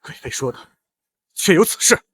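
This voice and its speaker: An actor playing a stern, angry emperor in a period costume drama, abrupt in speech. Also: male voice, normal speed, sharp tone, dry recording, close to an everyday voice.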